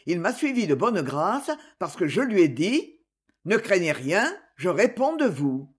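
Swaggering boastful knight, big lively delivery, husky edge, woman reads him. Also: medium pitch. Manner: grand and boastful. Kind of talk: audiobook character reading.

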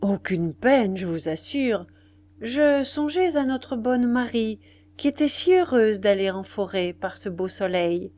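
A woman reading the lines of a middle-aged male inventor, a little louder than her narration, in an audiobook. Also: medium pitch, animated, unhurried, close to an everyday voice. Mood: cheerful, worried.

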